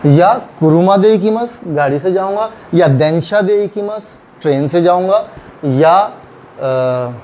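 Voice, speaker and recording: A man with an Urdu accent teaching Japanese grammar, patiently repeating example phrases slowly. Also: sits high, mellow. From Pakistan. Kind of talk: explaining grammar in a recorded lesson.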